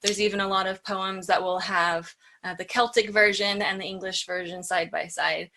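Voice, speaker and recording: A woman's voice: medium pitch, fairly even intonation, normal speed, pushed and bright, a little hiss or hum. A woman hosting an educational show, telling folklore in a chatty, casual way with light asides. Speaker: show host.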